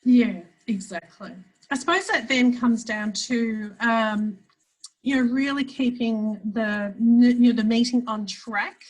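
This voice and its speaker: A woman's voice: fairly high pitch, slow pace, rough recording. Chatty woman leading a video webinar. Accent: Australian. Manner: chatty, restarts often while explaining. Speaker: webinar facilitator. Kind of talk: online workshop presentation. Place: home office, standing. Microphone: video call.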